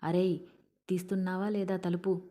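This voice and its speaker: A woman's voice: lowish voice, little pitch movement, normal speed, mellow, lightly acted. A woman narrating an audiobook, voicing a commanding young male student leader. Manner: commanding, rough.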